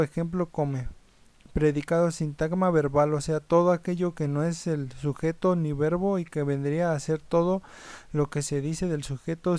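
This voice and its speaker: A man's voice: a little high, darkish tone, smooth, dry recording. Male presenter, reads lessons aloud, clean resonant tone, dry close sound. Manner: reads point by point, with small slips he corrects mid-word. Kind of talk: read-aloud lesson narration.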